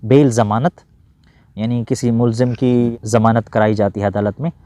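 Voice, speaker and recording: A man with a Pakistani Urdu accent teaching grammar, who reads example sentences slowly word by word and translates them, and otherwise explains briskly. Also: medium pitch, fairly even intonation, mellow, no room sound. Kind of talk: grammar lesson.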